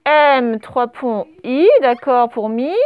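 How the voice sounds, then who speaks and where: A woman corrects a dictation with her primary school class, spelling words out letter by letter and pausing patiently. Her voice sits on the high side with a clean tone, though the recording sounds dull and lo-fi.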